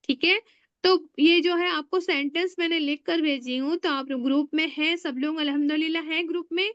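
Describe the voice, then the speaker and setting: A woman teaching an online Arabic grammar class, slowly spelling out letters and often asking the class questions. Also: high voice, fairly even intonation, a bit bright, no room sound, dull audio. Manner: slow and spelling out letters one by one. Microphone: online video call.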